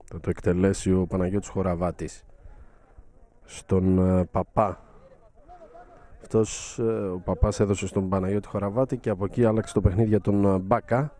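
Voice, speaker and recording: A man with a fairly low, warm, rounded voice calls a football match live. He talks at an even, measured pace, often stopping to hesitate before a player's name. His tone stays steady and informative. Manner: measured, with frequent hesitation fillers.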